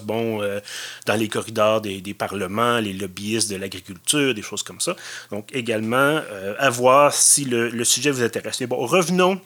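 A man's voice: mid-range voice, pushed and bright. A man with a Quebec French accent talks through a film on his own podcast. His delivery is loose and conversational, and he circles back as he hunts for the right word. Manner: rambling, loose and conversational, often searching for words. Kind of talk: casual solo podcast commentary.

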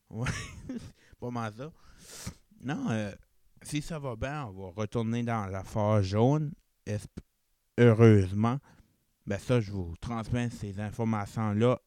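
In a dry, studio-quality recording, a young Acadian man from New Brunswick, Canada, hosts a casual solo podcast in Chiac-accented French peppered with English words. His mid-range voice is mellow and smooth as he rambles and corrects himself.

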